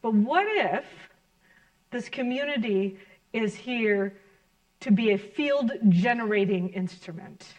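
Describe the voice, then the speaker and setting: A woman's voice: on the high side, lively intonation, slow pace, low-quality recording. Earnest woman minister giving a sermon. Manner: earnest, reflective, gently encouraging.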